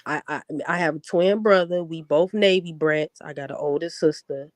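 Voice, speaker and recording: A woman's voice: deep voice, normal speed, no echo. A woman with a Chicago accent tinged with the South, chatting as a guest, laughing often and repeating words as she starts. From born in Florida, raised in Chicago. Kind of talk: casual chat.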